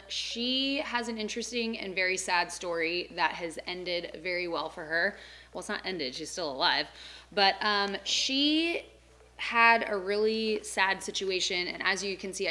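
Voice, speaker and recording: A woman's voice: on the low side, bright, forceful tone. A young woman chatting casually in a home pet vlog, with lots of "um" and "like". She is a little out of breath from walking back and forth. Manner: chatty, filler-heavy with frequent "um" and "like". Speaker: pet vlogger. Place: home animal room.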